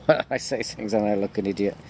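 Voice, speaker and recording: A university lecturer with a low, darkish voice chats to his students during an informal walking video call, keeping a measured pace. He rambles conversationally and pokes fun at himself, while faint crickets and insects suggest he's recording outdoors.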